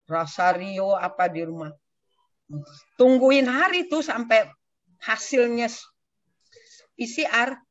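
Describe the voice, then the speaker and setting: On a dull, dry lo-fi recording with no echo, an older woman with a mid-range voice recounts her personal testimony for her church community, bringing it to life by acting out other people's words.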